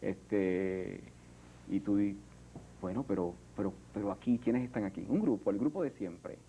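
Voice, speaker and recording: A man with a Puerto Rican accent, thinking aloud as he talks about his work. His voice sits low and sounds mellow and relaxed, with restarts and small pauses throughout. A faint hum of room ambience stays behind him. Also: dull audio. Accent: Puerto Rican Spanish. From Puerto Rico. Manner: reflective, hesitant, many fillers and restarts. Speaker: artist, sculptor. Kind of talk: interview conversation.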